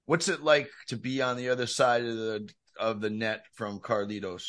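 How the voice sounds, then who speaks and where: Male interviewer, bright and forceful tone, quick eager questions. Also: mid-range voice, fairly even intonation.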